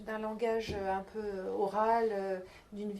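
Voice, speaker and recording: A woman's voice: medium pitch, level tone, unhurried, a little mellow. A woman hosting a bookshop conversation, searching for words and trailing off mid-sentence. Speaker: bookseller host.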